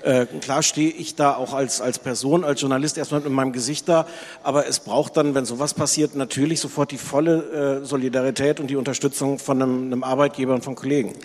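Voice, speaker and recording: A man's voice: mid-range voice, fairly even intonation, a little fast, a little mellow, slight background noise. A male journalist on a panel adding a point earnestly, with small restarts. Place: conference hall with audience. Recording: long hall reverb.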